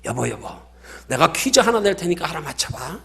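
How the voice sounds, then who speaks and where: A man's voice: a little high, sing-song, brisk, vocal fry, fairly bright tone, breathy edge, heavily acted. A man voicing a wife coaxing her husband in a coy, wheedling tone.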